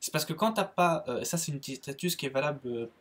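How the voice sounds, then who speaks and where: A French man with a French accent giving a casual spoken lesson on English verbs, halting, with many fillers and restarts. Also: a little high, expressive, fairly bright tone. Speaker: English teacher, channel host.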